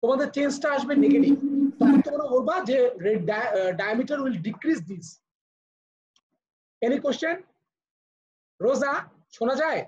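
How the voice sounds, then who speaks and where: Teaching physics in a live online class, this Bangladeshi-accented man has a very high-pitched, animated, slightly mellow voice and an unhurried delivery with frequent pauses. He works through the material patiently and step by step, moving into English for terms. The audio is muffled and lo-fi, typical of a video call.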